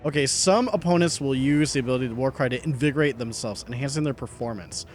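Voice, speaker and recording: A man's voice: medium pitch, fast, noisy background. A man streaming a video game, chatting casually and poking fun at himself when he stumbles over his words. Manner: chatty, self-deprecating, trips over words. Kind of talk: casual gameplay commentary. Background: game music.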